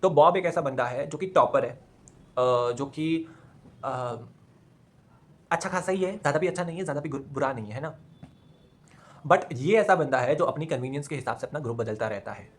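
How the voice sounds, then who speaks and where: A man's voice: on the high side, normal speed, pauses often. A young man chatting casually at home, telling a personal story and mixing English phrases into his talk.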